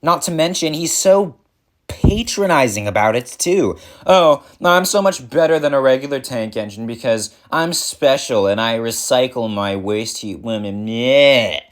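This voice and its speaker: A man's voice: a little high, very animated, unhurried. A man voicing a vain, jealous male engine who complains in an exasperated, dramatic, sarcastic way, in a fan audio drama.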